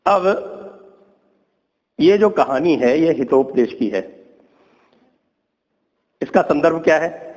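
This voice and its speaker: Man, host, fable retelling, lively storytelling, long hall reverb. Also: slow pace, long pauses. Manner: lively storytelling, drops to low asides. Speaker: host, commentator.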